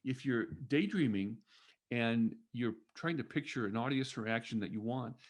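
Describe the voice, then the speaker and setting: A man co-hosting a casual spiritual podcast, talking in a halting way with many fillers and restarts. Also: mid-range voice. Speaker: podcast co-host.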